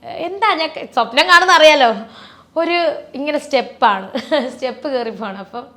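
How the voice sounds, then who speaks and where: A woman talking as an interview guest, rambling and restarting, her voice often sinking soft and low with emotion. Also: lively intonation, normal speed. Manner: rambling, many restarts and fillers. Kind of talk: personal interview talk.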